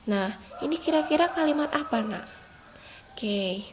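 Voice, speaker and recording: A young woman, teaching a lesson to small children in a patient, gentle way and reading example sentences with lifted emphasis. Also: on the high side, lively intonation, unhurried, a little hiss or hum, rough recording. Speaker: primary school teacher. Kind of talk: recorded online class lesson for young children.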